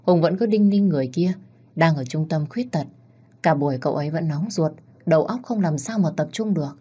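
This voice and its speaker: Woman reading a story out, low voice, kinda husky, steady pace. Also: fairly quick. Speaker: narrator. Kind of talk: scripted story narration.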